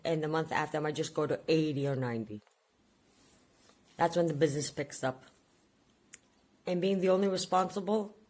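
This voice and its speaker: A woman in her forties with a fairly low, slightly mellow voice chats casually at home for her vlog. She rambles in a chatty way, hopping from one subject to another.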